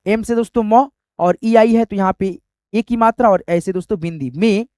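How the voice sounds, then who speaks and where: A man's voice: high voice, normal speed, a little mellow, no room sound, studio quality. A man teaching a language lesson, repeating himself and often checking with "okay" and "friends".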